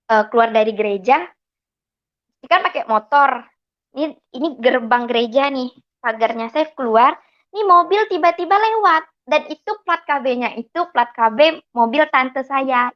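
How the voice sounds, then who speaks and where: Animated woman. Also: a little high. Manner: animated storyteller who acts out remembered dialogue. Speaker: convert giving a testimony. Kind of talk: personal testimony. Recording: dull lo-fi recording.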